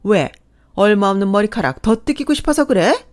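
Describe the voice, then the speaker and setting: A woman's voice: medium pitch, sing-song, fairly quick, a little mellow, faint music behind, lightly acted. A woman voicing a haughty, rude middle-aged woman who sneers with open contempt in a radio story reading. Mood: sneering.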